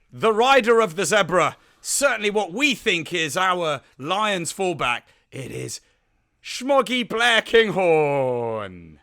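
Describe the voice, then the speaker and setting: A man hosting a podcast, giving a hyped introduction with theatrical, drawn-out build-up. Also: a little high, sharp tone, no room sound, studio quality. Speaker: podcast host.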